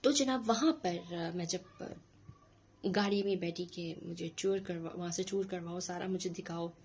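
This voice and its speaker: A middle-aged woman, telling a story in a casual vlog in an animated, indignant way. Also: on the low side, moderate pace, a little hiss or hum. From Pakistan. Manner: animated, indignant, acts out quotes. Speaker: vlogger.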